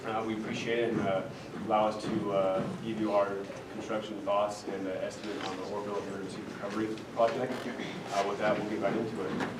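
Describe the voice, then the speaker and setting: A man's voice: lowish voice, little pitch movement, quick pace. A young man from Colorado opening a student team presentation, polite and full of filler sounds, recorded far off in an echoey, noisy room. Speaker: general manager in student team.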